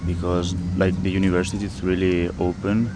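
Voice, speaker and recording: A man's voice: sits low, little pitch movement, fairly quick, heavy background noise. A young man from Italy, answering questions hesitantly with many fillers. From northern Italy. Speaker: student. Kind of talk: interview answers.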